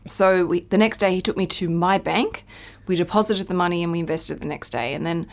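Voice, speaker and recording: A woman with a slightly low voice, speaking as a guest in a relaxed podcast interview. She tells her story in a chatty way and slips into quoted voices along the way. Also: a little fast.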